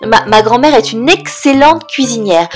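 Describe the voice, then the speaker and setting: A woman's voice: fairly high pitch, lively intonation, normal speed, soft background music, close to an everyday voice. A woman voicing a bossy little girl piglet in a cartoon, chatty and emphatic. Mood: eager. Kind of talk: cartoon toy-play story.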